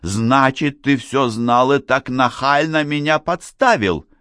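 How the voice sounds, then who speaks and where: A man voicing a shrill shouting woman. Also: wildly swooping pitch, slow, dry recording, clean studio sound, full character voice. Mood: icy. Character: agitated woman, middle-aged, quick to shout.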